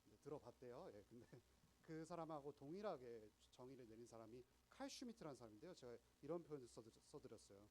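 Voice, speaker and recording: A man's voice: medium pitch, animated, fast, darkish tone, a little hiss or hum, low-quality recording. A young man preaching a sermon to teenagers. He talks in a chatty, explaining way and keeps asking the audience questions. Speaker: youth group preacher.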